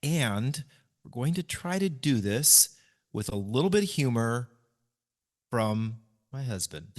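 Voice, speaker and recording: A man's voice: mid-range voice, big pitch swings, unhurried. A middle-aged man in a middle register co-hosts a casual podcast. He explains things patiently with frequent fillers and laughs often. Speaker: podcast co-host. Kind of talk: casual chat.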